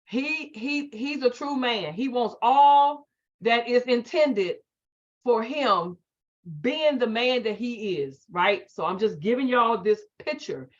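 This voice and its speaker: A middle-aged woman, telling an animated, emphatic story to a group. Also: a little high, slow pace. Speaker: speaker. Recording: dull lo-fi audio.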